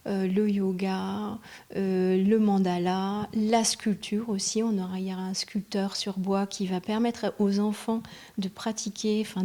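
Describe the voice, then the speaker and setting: A woman's voice: mid-range voice, warm tone. A woman organizer presenting her event on TV, earnest and hesitant with fillers. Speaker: association organizer. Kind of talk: TV interview.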